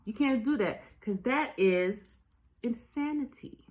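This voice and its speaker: A woman's voice: mid-range voice, lively intonation, moderate pace, a bit bright. A woman speaking as a spiritual life coach in a casual motivational monologue, blunt and profane, pressing her points with repeated rhetorical questions. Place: at home, recording on her own.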